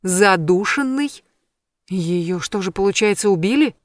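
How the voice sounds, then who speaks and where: An anxious young woman, as an audiobook reader puts her on grumbles and then frets close to tears. The voice is middle-pitched and recorded dry and close. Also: expressive, unhurried, no echo, lightly acted. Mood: distraught. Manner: grumbling, then upset and tearful. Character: grumpy, anxious young woman, the heroine's friend.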